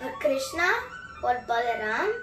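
A girl of about 7 to 10, host of a children's story channel, reads a storybook aloud in a somewhat high, unhurried voice. She breaks into chatty, animated asides to retell it, repeating things for emphasis. She's in a small room at home, recorded by a camera a few feet away, so the sound is roomy and distant with music behind.

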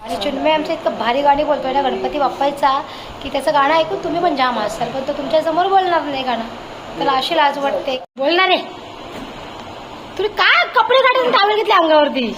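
A woman's voice: sits high, expressive, a little fast, noisy background. A woman home vlogger chatting casually in her kitchen and playfully scolding her pet.

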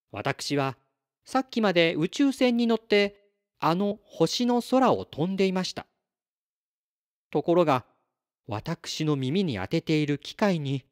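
A man voicing a polite, clever boy from a star in a storybook read-aloud, speaking formally and calmly. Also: high-pitched, slow, pauses often, pitched above the performer's own voice, exaggerated voice. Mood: earnest. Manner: formal, courteous, calm.

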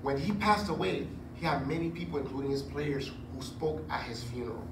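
A man in his forties preaching a sermon on a church stage into a handheld mic, chatty and animated with joking asides. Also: on the high side, brisk, far from the mic. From Puerto Rico heritage. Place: church stage with curtain backdrop. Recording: echoey room, recorded from afar, noisy.

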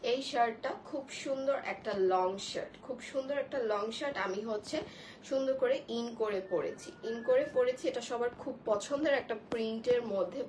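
A young woman speaking quietly through a cold, chatting casually as she shows clothes on a live sale stream. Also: fairly high pitch, slight background noise, low-quality recording. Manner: chatty, mixes English words into Bengali. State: has a cold, speaking softly. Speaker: online clothing seller. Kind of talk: live-stream product showcase.

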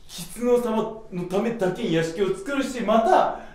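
A man's voice: high voice, measured pace, a little mellow. A young man lecturing theatrically to camera as a samurai-persona history host, mixing archaic warrior speech with casual talk, stretching key words for emphasis. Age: young adult. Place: small bare room at a whiteboard. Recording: echoey room, distant microphone.

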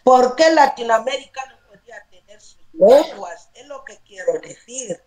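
A woman's voice: on the high side, expressive, moderate pace, a little mellow, rough recording. A woman as a guest in an online debate, arguing her point with pointed questions. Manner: questioning, argumentative. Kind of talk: casual debate.

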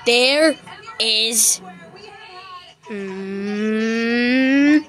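A woman's voice: on the high side, extremely slow, fairly bright tone, soft background music. A woman hosting a casual home video while watching a New Year countdown, giddy, laughing and counting down aloud. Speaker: channel host.

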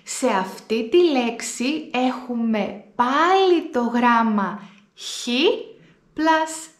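A woman with a Greek accent teaching pronunciation, saying each word slowly and repeating it for learners. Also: on the high side, expressive, echoey room. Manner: slow, deliberate word repetitions for learners. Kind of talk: pronunciation lesson to camera.

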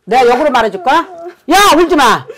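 A woman playing a shaman fortune-teller in a staged reenactment, scolding and cursing at a client in rough, blunt speech. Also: fairly high pitch, animated, a little fast.

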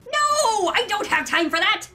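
A woman voicing Papyrus, a loud, vain and overeager male skeleton, pompous and shouty in a fan game voice-over. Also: extremely high pitch, sing-song, unhurried, voice pushed up, full character voice.

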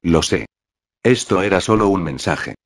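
Terse young male vigilante, deep clipped orders, read by a male narrator. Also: expressive, measured pace, no echo, clean studio sound, heavily acted.

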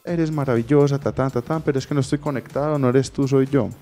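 A man's voice: medium pitch, quick pace, soft background music. A man, a singer-songwriter guest, telling a story in a casual radio interview with easy laughter. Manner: lively storyteller, laughs easily.

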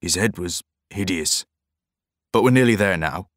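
Man playing a grim farmhand, low and muttering, storybook reading. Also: sing-song, moderate pace, fairly bright tone, dry recording, studio quality. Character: gruff grown country man, grim. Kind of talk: audiobook character voice.

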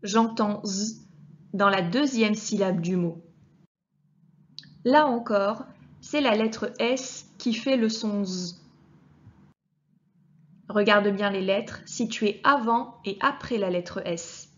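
A woman teacher giving a clear reading lesson to young children, speaking to the child directly and sounding out each letter with care. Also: mid-range voice, dull audio. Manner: patient, addresses the child directly, deliberately articulated sounds. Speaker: primary school teacher.

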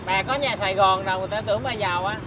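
A man's voice: high voice, racing, far from the mic, noisy background. A man interviewing an elderly woman in casual chat, joking and polite to his elders. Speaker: vlogger interviewing.

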